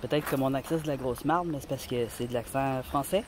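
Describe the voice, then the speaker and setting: A Québécois vlogger from Quebec, a woman with a bass voice, talks a little fast as she hunts for rocks outdoors on a mountain. Holding her phone camera, she narrates casually to viewers in a friendly, rambling, chatty way, with light wind-like sound behind her.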